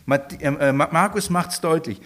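A man's voice: fairly high pitch, normal speed, fairly bright tone. A man preaching a sermon with passion, often restarting and repeating his phrases.

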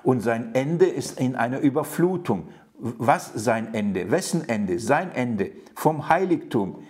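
A man's voice: medium pitch, animated, slow pace, darkish tone. A man preaching an earnest Bible teaching, speaking emphatically with frequent restarts and fillers and putting questions straight to his listeners. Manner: addresses listeners directly with questions. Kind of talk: sermon-style Bible teaching.

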